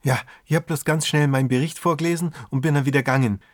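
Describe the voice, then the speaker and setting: A man voicing a brisk, fussing mother who chats quickly. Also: on the high side, steady tone, no echo, studio quality, voice pushed up, close to an everyday voice. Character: brisk middle-aged mother and wife.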